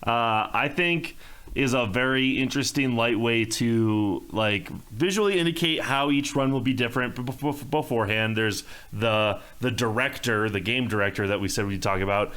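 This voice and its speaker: A man's voice: medium pitch, moderate pace, a bit bright. A man co-hosting a casual video game chat show, laid-back and rambling, swearing casually. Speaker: podcast co-host.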